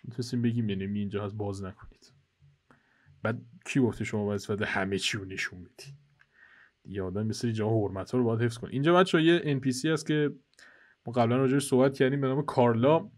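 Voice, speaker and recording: A young man casually commentating co-op gameplay for his channel, joking and teasing his teammate while guiding viewers. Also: medium pitch. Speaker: gaming channel host. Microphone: headset.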